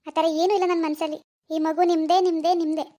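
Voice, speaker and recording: Woman doing squeaky cartoon mother Pooja. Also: flat delivery, quick pace. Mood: insistent. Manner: soft, reassuring, insistent. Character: young village mother, gentle and self-giving. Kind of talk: animated cartoon dialogue.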